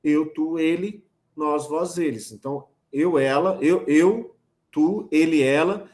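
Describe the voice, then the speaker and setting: A man with a Brazilian Portuguese accent teaching a lively online grammar class, talking straight to his students with teasing asides. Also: a little high, slow, reverberant.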